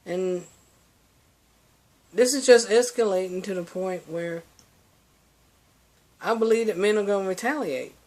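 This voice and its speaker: A young man with a high voice rants at length in a preachy monologue. He stumbles through restarts and fillers as he lectures his listeners. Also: a little slow, long pauses, a little mellow. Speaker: vlogger. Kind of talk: opinion monologue to camera.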